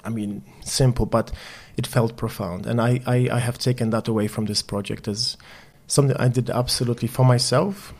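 A man's voice: mid-range voice, steady tone, brisk, vocal fry, few pauses, a little mellow. A man from Poland speaking English, answering interview questions in a thoughtful, wry, self-deprecating way. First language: Polish. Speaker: photographer guest.

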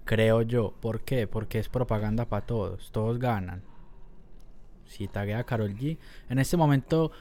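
A man's voice: fairly low pitch, unhurried, dark tone, a little hiss or hum. A man chatting casually as a podcast co-host. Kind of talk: casual chat.

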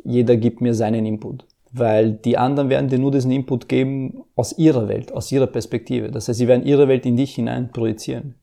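A man's voice: mid-range voice, vocal fry, warm tone. A man who coaches emotional intelligence, answering interview questions earnestly, repeating words and acting out inner voices.

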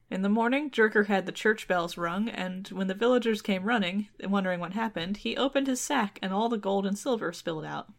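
A woman's voice: medium pitch, creaky. A woman co-hosting a podcast, reading a folktale aloud with casual asides and frequent laughter. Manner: laughs often, chatty asides. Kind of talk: casual read-aloud with commentary.

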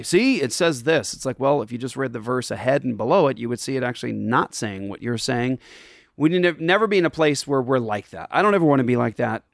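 This man, who grew up in Japan, hosts a podcast and answers listener questions by casually explaining a Bible passage, often saying "um" and restarting sentences. His mid-range voice comes through dry, with clean studio sound.

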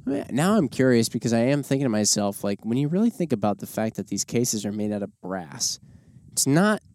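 A man's voice: mid-range voice, big pitch swings, a little fast, darkish tone, no echo. A man hosting a casual technical conversation, asking questions in an informal, curious and joking way.

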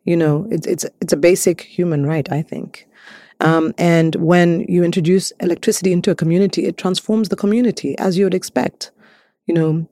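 A woman from Malawi, a clean energy innovator, answering interview prompts in a thoughtful way, often pausing with ums and restarting her sentences. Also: fairly low pitch, darkish tone, dry recording, clean studio sound.

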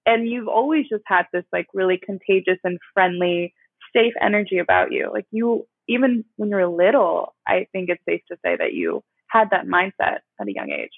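Casting note: twenties woman host, breathy, affirming, phone-line sound. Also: mid-range voice, very animated, normal speed, no room sound. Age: 20s. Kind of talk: casual chat.

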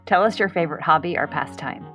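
A woman podcast host runs a brisk, playful round of quick questions. Her voice is on the low side, with faint music behind her. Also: bright, forceful tone.

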